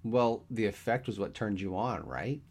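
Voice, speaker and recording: A man voicing a wry, deadpan young man who teases his friend in a dry way. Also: fairly low pitch, normal speed, voice pushed up.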